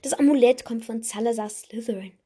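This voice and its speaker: A woman's voice: on the high side, brisk, dark tone, breathy edge. A woman voicing an anxious young wizard boy who talks urgently.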